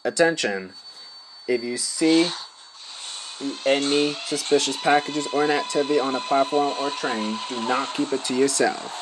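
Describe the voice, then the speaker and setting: A man reads scripted subway announcements as a transit announcer, in a formal, measured way. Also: mid-range voice, noisy background.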